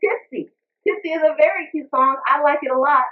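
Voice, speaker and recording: A woman giving a casual, animated music review, chatting and breaking into little sung bits. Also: high voice, fairly quick. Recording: tinny phone-like sound, distant mic.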